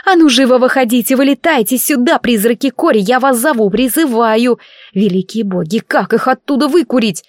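A woman voicing a shrill, insistent young female matchmaker in a fantasy audiobook. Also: lively intonation, normal speed, a little mellow, dry recording, studio quality, natural voice. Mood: shouting.

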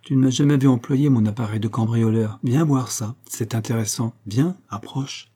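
A man's voice: medium pitch, normal speed, warm tone, husky, close to an everyday voice. Cold detective chief, contemptuous and in control, as a male reader puts him on. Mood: taunting. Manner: commanding, scornful. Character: commanding male detective posing as gang chief, cold, stern.

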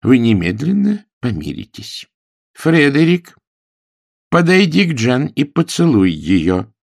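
A man voicing a strict, commanding old female governess in an audiobook, with slow, drawn-out scolding commands. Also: mid-range voice, very animated, vocal fry, a little mellow, dry recording, studio quality, pitched above the performer's own voice, exaggerated voice. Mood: stern. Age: older. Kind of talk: audiobook character voice.

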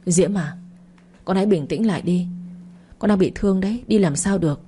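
A woman's voice: medium pitch, fairly quick, warm tone, a little hiss or hum, close to an everyday voice. A woman voicing a middle-aged mother who soothes and pleads with her injured daughter. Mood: pleading.

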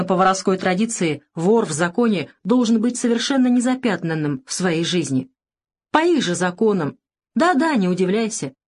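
A woman's voice: mid-range voice, a little mellow, close to an everyday voice. A woman reading the lines of a streetwise male convict who lectures his cellmate with a wary, worldly manner. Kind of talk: audiobook character reading.

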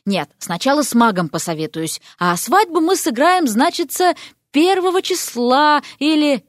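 A woman's voice: high voice, lively intonation, normal speed, no echo, studio quality, pitched above the performer's own voice. A woman voicing a naive, resigned young nobleman who muses aloud in a folksy, sighing way in an audiobook. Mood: chatty. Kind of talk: audiobook character voice.

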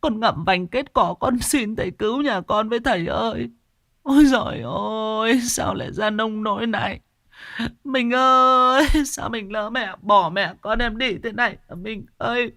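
Casting: distraught young village wife, shrill high falsetto wail, storybook horror reading, dry close sound. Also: male voice, normal speed, bright, forceful tone, dry recording. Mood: frantic wailing.

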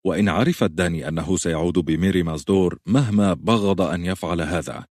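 A man reading a novel as an audiobook narrator, in a steady, measured way. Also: deep voice, no echo, studio quality.

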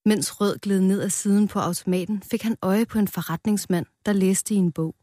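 Dark-toned woman reading a children's story. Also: medium pitch, no room sound, studio quality. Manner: calm, playful storytelling.

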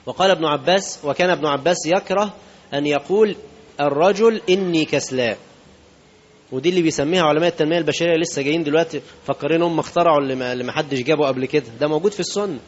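A man's voice: on the high side, rapid-fire, lo-fi sound. A man preaching a sermon in Egyptian Arabic, speaking conversationally and asking his listeners rhetorical questions. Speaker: sheikh.

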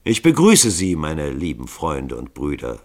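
A man voicing a cold leader who speaks in a slow, even monotone. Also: extremely low pitch, voice pushed down, exaggerated voice.

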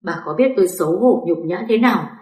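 A woman's voice: on the low side, expressive, quick pace, a little mellow, reverberant, natural voice. A woman voicing a stern old father-in-law who scolds his wife reproachfully. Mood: scolding.

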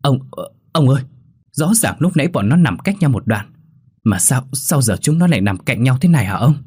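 A man voicing a frightened young male servant who stammers, in a husky voice a little above his own. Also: on the low side, normal speed, dry recording. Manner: stammering, fearful.

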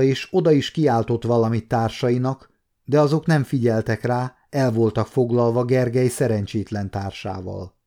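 A man in his fifties narrates an audiobook with a dark, mellow tone. His reading is calm and measured, with steady, even storytelling. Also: medium pitch. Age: 50s. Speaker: audiobook reader.

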